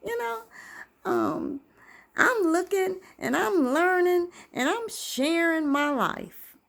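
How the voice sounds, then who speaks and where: A woman in her fifties speaks to her channel's camera in an extremely high, slightly bright voice with vocal fry and lively intonation, though she takes her time. Her chatty monologue meanders and keeps coming back to faith.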